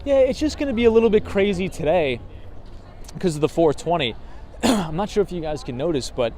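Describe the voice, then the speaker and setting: In a casual livestream filmed on a handheld phone outdoors, a hoarse man with a slightly higher voice strolls city streets discussing markets and answering viewer comments. He speaks fairly quickly, with lively intonation and a warm tone, in a loose style heavy on fillers and "right?". Traffic noise hums behind him.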